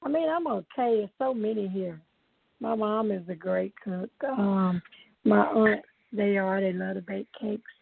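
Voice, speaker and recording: A woman from Louisiana with a slow Southern drawl, chatting casually as a guest over the phone. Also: mid-range voice, vocal fry, noisy background. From Louisiana, United States. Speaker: podcast guest. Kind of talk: casual chat. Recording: dull, dry lo-fi phone call.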